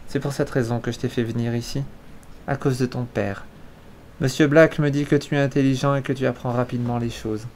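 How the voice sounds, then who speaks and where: A man reading the lines of a gracious, wealthy middle-aged countess in a soft, measured, murmuring way, in a storybook reading. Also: medium pitch, steady tone, a little hiss or hum, close to an everyday voice. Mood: gentle.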